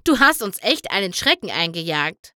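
A jumpy young dragon boy speaks bluntly and casually, as a woman reads his lines. The voice is bright and lively in a storybook reading. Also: lowish voice, moderate pace, dry recording, studio quality. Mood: relieved. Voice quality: relieved, blunt.

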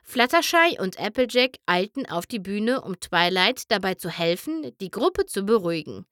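A woman narrating a children's storybook aloud with expressive reading. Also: mid-range voice, normal speed, no echo, studio quality.

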